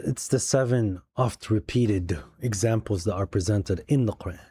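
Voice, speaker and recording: A man hosting a religious debate, who argues in a pointed, measured way, step by step. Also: on the low side, dark tone, breathy edge. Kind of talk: heated debate.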